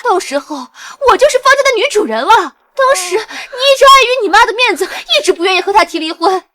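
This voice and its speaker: An actress playing an arrogant, spiteful young mistress who taunts and shouts. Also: female voice, very animated, fast, full character voice. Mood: indignant. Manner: sneering, taunting, shrill. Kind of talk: short drama acting.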